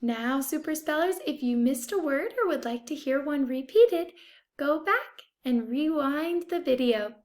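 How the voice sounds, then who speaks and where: A woman speaking as a first-grade teacher, giving a spelling test dictation with deliberate, enunciated delivery. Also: high voice, lively intonation, darkish tone. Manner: deliberate, enunciated, repeats single words. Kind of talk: spelling test dictation, word then example sentence.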